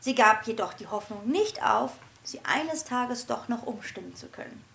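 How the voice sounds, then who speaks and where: Animated woman reading a children's story. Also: fairly high pitch, moderate pace, gravelly, a little hiss or hum. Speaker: children's book author reading aloud. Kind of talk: storybook narration.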